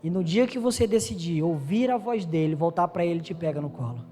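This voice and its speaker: A man's voice: on the high side, lively intonation, a little fast, mellow. A man preaching a sermon to his congregation, telling stories and calling the listeners "brother" and "dear", then building to raised, urgent appeals. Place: church hall. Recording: live church recording with long reverb and faint music.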